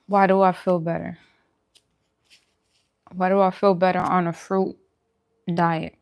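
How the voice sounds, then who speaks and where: Speaking unhurriedly in a level tone, a woman with a fairly low, clear and resonant voice hosts a casual mukbang chat to camera. She's a vegan food vlogger, talking with her viewers reflectively and encouragingly.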